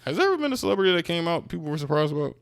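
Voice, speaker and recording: A young man co-hosting a podcast, throwing in quick reactions and questions in casual chat. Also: on the high side, big pitch swings, creaky, smooth, no echo. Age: young adult. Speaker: podcast co-host.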